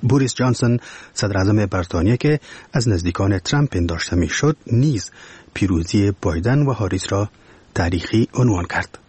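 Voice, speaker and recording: A man with an Afghan Dari accent reading a formal news report as correspondent, in a measured, even delivery. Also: lowish voice.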